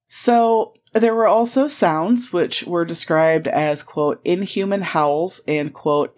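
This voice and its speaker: Her voice low and somewhat mellow, a woman co-hosts a laid-back podcast conversation. She's an animated storyteller who laughs a lot and swears frequently.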